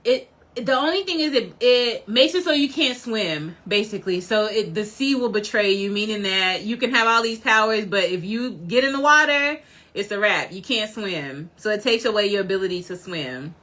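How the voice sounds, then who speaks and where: A woman chatting casually as a vlogger, rambling and animated and laughing often. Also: medium pitch, normal speed. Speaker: vlogger reviewing a series. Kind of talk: casual chat.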